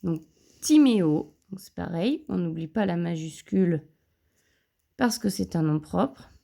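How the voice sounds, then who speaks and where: A woman teacher giving a slow handwriting lesson to young pupils, counting each stroke aloud, filmed on her phone at a desk. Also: lowish voice, animated, creaky, warm tone. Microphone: phone camera.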